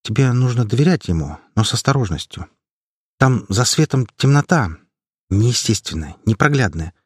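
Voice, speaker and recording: A man voicing a young female healer who speaks softly and earnestly, a little worried, in an audiobook. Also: medium pitch, animated, moderate pace, breathy edge, no room sound, clean studio sound, pitched above the performer's own voice. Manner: soft, earnest and slightly worried.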